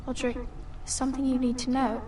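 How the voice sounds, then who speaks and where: A woman's voice: high voice, flat delivery, quick pace, a little mellow, recorded from a distance, a little hiss or hum. An actress playing an earnest, worried young noblewoman in a fantasy video game. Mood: somber.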